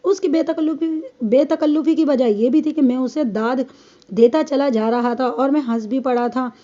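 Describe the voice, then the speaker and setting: A woman narrating a crime story in a steady, measured audiobook reading. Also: sits high, lo-fi sound.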